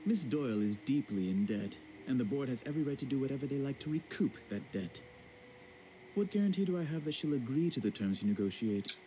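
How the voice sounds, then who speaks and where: A man's voice: mid-range voice, animated, a little fast, warm tone, a little hiss or hum, close to an everyday voice, low-quality recording. An actor playing a prim, smug male corporate representative in a video game, unctuous and formal. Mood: businesslike.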